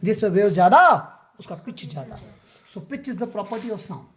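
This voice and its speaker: Teaching science to a classroom, a man with a high, dark-toned voice speaks a little slowly but very animatedly, counting aloud, quizzing his students, and checking their understanding throughout.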